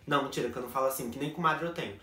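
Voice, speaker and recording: A man's voice: medium pitch, very fast, bright, forceful tone, reverberant. A young man from São chatting casually to camera in a jokey, self-mocking vlog, recorded at home on a basic camera mic. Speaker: YouTuber. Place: bedroom set at home.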